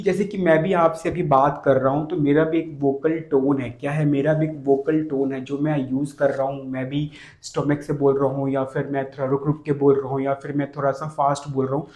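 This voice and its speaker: A man's voice: fairly high pitch, darkish tone. A man giving a casual spoken lesson as a voice coach, who repeats his points and asks the viewer short rhetorical questions. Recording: echoey room.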